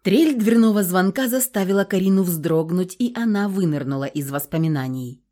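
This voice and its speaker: A woman narrating an audiobook in an expressive, dramatic storytelling manner. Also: lowish voice, moderate pace.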